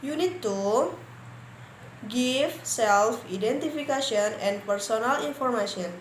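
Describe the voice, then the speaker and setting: A woman with an Indonesian accent presenting an English lesson, reading example dialogues aloud slowly and carefully. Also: a little high, expressive. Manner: slow, careful reading with stressed words. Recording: echoey room, faint background noise.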